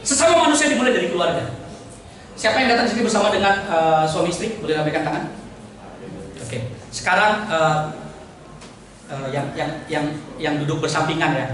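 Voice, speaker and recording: A man with an Indonesian accent preaching a lively, joking sermon and calling out to the congregation. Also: fairly high pitch, normal speed, pauses often. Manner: jokey, animated, calls out to the congregation. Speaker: pastor. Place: church hall. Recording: echoey church hall, mic at a distance.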